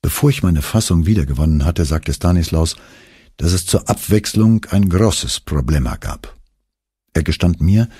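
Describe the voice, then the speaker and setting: A deep, husky male voice reads a memoir audiobook with expressive, dramatic storytelling. His pitch swings widely, the tone dark and mellow, recorded dry and close. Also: dry recording. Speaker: audiobook narrator. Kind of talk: scripted memoir narration.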